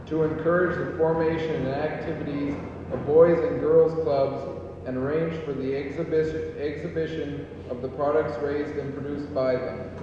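A man with a slightly high voice reads formal legal wording deliberately. He sounds distant, in a muffled recording with clear background noise. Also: steady tone. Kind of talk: formal reading of a legal document aloud. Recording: echoey hall, distant mic, muffled, noisy.

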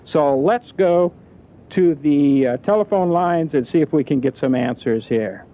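A genial radio host with a fairly high voice hosts a call-in giveaway segment, chatting easily at a measured pace and dropping in frequent fillers. The broadcast sounds thin and tinny like an old phone line, with the feel of a small station studio.

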